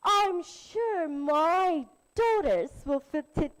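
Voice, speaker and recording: A woman's voice: very high-pitched, lively intonation, extremely slow, exaggerated voice. A woman voicing a scheming stepmother with a sly, cackling manner.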